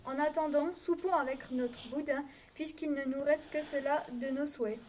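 A woman's voice: high voice, fairly even intonation, moderate pace, a little mellow, a little hiss or hum, lightly acted. A woman reading the part of a poor wife in a storybook tale, wishful and exclamatory. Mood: wry. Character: poor wife, greedy and impulsive.

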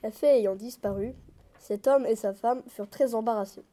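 A woman narrating a fairy tale aloud in a measured, expressive way. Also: on the high side. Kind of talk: storybook reading.

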